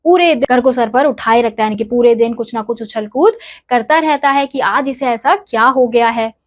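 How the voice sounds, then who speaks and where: A woman's voice: a little high, normal speed. A woman teacher reading and explaining a school play, speaking directly to her students. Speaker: Hindi teacher.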